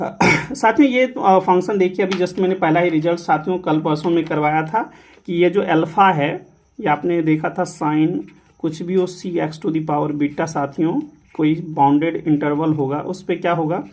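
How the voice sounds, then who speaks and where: A maths teacher gives an exam-prep lecture in a mix of Hindi and English, repeating key rules and posing questions he then answers himself. His voice is a little high and slightly mellow.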